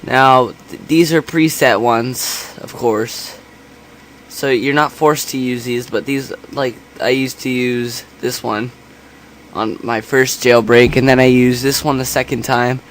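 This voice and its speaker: A man giving a casual software tutorial in a quiet, understated voice, kept a little back from the microphone. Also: mid-range voice, fairly even intonation, takes it slowly. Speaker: tutorial host. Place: indoors at a computer. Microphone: separate microphone, not held close. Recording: noisy room hum, quiet separate mic.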